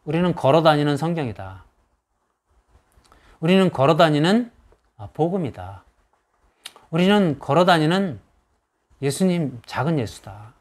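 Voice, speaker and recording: Animated, emphatic male pastor preaching. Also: on the high side. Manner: emphatic, repeats key phrases in rising lists. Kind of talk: sermon.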